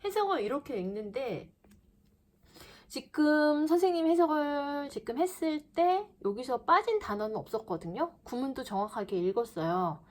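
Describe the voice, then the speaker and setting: A woman lecturing on how to read English sentences, with a fairly high voice that climbs and falls a lot. She talks straight to her students, calling herself the teacher, and reads each example aloud piece by piece. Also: lively intonation, normal speed. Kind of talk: lecture explaining reading.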